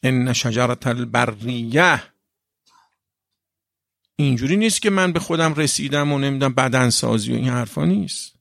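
A man's voice: mid-range voice, gravelly, a bit bright, dry recording, clean studio sound. A man preaching a religious sermon in an emphatic, repetitive way, often checking with listeners. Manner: emphatic, repetitive, asks the audience "right?". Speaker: cleric.

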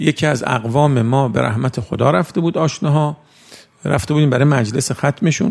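A man giving a conversational sermon who recites Arabic sayings slowly and then explains them in everyday speech. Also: a little high, gravelly, darkish tone, husky. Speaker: cleric giving a religious talk.

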